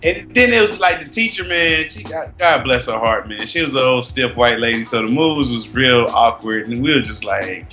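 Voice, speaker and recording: A man's voice: mid-range voice, normal speed, hardly any pauses, bright, forceful tone, echoey room, faint music behind. A man co-hosting a casual podcast chat, hesitant and rambling, cursing freely. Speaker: podcast co-host.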